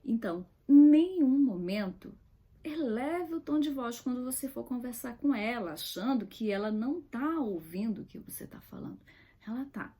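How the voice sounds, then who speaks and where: A woman's voice: fairly high pitch, lively intonation, moderate pace, mellow, breathy edge. A woman giving an earnest teaching talk, stressing key words and dropping to a whisper now and then. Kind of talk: direct-to-camera teaching talk.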